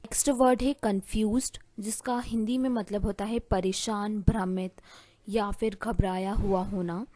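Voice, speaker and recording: A woman teaching English vocabulary, explaining words and reading each example sentence slowly and carefully twice. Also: mid-range voice, fairly even intonation, warm tone. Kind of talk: vocabulary lesson.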